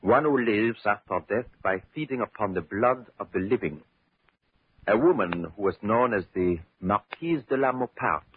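An actor playing a genial French gentleman with a French accent, speaking in a courteous, measured way in an old radio drama. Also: fairly low pitch, lively intonation, a little hiss or hum. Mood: storytelling. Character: genial middle-aged French mayor's son, storyteller. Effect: old radio show. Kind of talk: 1940s radio drama acting. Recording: thin, phone-like old radio broadcast.

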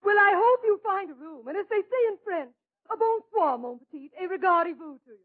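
A woman's voice: extremely high pitch, expressive, a little fast. An actress playing a gushing, airy lady in old-time radio comedy, with an effusive, theatrical manner. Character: gushing, airy, self-pleased comic lady. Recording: tinny band-limited old radio recording.

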